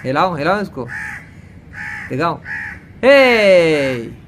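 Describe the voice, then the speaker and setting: Man vlogger, slightly high voice, slow chatty delivery, coaxing a crow; outdoor phone audio with clear background noise. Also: fairly bright tone. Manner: chatty, playful, coaxing and talking to the bird. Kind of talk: casual vlog, talking to a crow. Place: outdoors near a perched crow, after drizzle. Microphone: phone camera.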